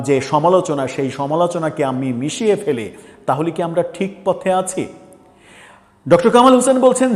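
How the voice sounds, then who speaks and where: Earnest halting male commentator with reverb. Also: on the high side, a little mellow. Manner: halting, many filler sounds and restarts, earnest and pressing. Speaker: political commentator. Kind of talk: political commentary monologue.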